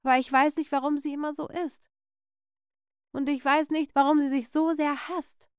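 Woman doing a gentle teenage girl. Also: high voice, level tone, normal speed, dry recording, clean studio sound, voice pushed up, close to an everyday voice. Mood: soft. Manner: soft, comforting. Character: gentle kind teenage girl, loyal cousin.

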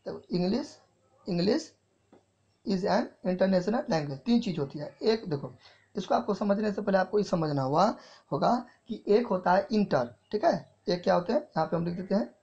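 Gravelly-voiced Hindi English teacher dictating notes. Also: male voice, high-pitched, lively intonation, a little mellow. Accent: Indian English. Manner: repeats key phrases slowly as if dictating, asks "clear?" often. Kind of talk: classroom lecture in Hindi. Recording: dull lo-fi sound.

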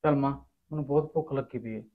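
A man playing a worried grown son who speaks quietly and resignedly about his father's drinking. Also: mid-range voice, quick pace, lightly acted. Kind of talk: village short-film acting. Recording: dull muffled sound.

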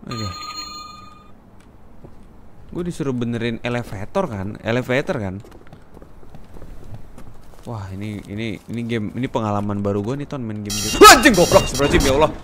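A young man from Indonesia with a Jakarta slang accent, commenting loudly on a horror game he plays live, often shouting and swearing. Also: on the low side, moderate pace, pauses often, background noise. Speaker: game streamer.

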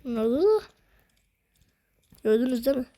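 A woman giving excitable, slangy gameplay commentary, swearing now and then. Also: sits high, normal speed, slight background noise, low-quality recording. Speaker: gaming video host.

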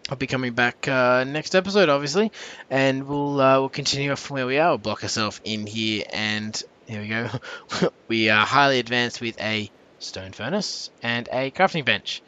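A man's voice: medium pitch, normal speed, sharp tone, highs cut off. A young man hosting casual gameplay commentary. He rambles with lots of fillers and self-corrections, and breaks into jumpy reactions when danger appears. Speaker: channel host.

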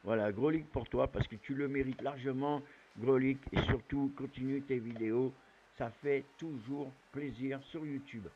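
A man's voice: mid-range voice, fairly even intonation, normal speed, muffled recording, a little hiss or hum. Rambling chatty YouTuber man. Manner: rambling, chatty, fillers and "voilà". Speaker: YouTuber giving subscriber shout-outs. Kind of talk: casual chat.

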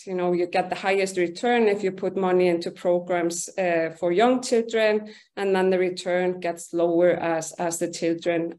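A woman's voice: on the low side, a little mellow. Woman presenting research over a video call. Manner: measured, explanatory, frequent ums and repeated words. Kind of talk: online conference presentation. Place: home or office room on video call. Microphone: video call webcam.

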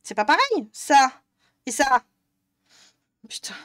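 Coloring on a live stream, a young northern French woman talks to her chat, exasperated and cursing often. She sounds high, very animated yet slow, with a fairly bright tone, captured in a dry studio-quality recording.

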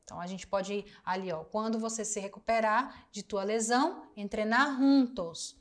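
A woman's voice: mid-range voice, brisk. A woman teaching a recorded class, explaining step by step, repeating the answers and speaking straight to her students. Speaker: Spanish teacher.

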